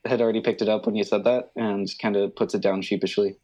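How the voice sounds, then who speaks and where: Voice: deep voice, flat delivery, quick pace, dark tone. A game master casually narrating a tabletop game in a joking, informal way.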